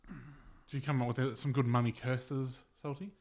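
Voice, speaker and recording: A man's voice: mid-range voice, fairly even intonation, a little slow. A man hosting a podcast in casual chat with a wry, joking manner. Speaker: podcast host.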